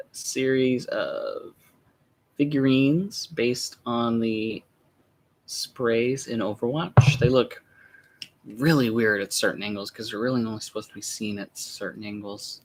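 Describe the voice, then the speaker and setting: In a shelved room at home, a young man vlogs as he unboxes, speaking quietly in a relaxed, meandering way packed with filler words. His voice sits in the mid range, with a measured pace and fairly even intonation.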